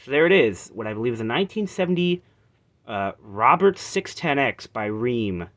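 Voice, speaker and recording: This vlogger has a mid-range, slightly bright voice with big pitch swings and a moderate pace. Holding a phone camera, he casually shows off a vintage reel-to-reel tape recorder, unscripted and rambling, often breaking off.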